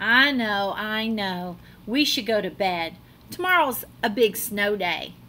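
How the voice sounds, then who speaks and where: Her voice sits in the mid range, with a touch of hiss or hum in the audio. Reading a children's picture book in a small classroom, the middle-aged woman sounds like a teacher, expressive and dramatic, lingering on drawn-out words.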